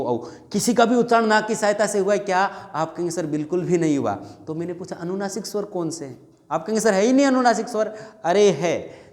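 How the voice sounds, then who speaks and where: A man teaching a Hindi grammar class, asking questions and answering them himself, repeating key terms slowly. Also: fairly high pitch, darkish tone, big-room sound. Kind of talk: classroom lecture for exam prep.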